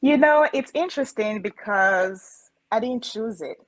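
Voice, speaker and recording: A woman's voice: a little high, lively intonation, measured pace, no room sound, low-quality recording. A woman in her forties from the Democratic Republic of Congo, a wellness coach who speaks in a reflective, earnest way as an interview guest. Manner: reflective and earnest, often adding a questioning "right?".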